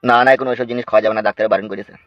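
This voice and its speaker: A wounded old father voiced by a man in a comic cartoon. He pleads wearily for caution at a rapid pace. The dull, muffled lo-fi audio has faint music underneath. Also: fairly low pitch, fairly even intonation, no room sound, lightly acted. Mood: weary.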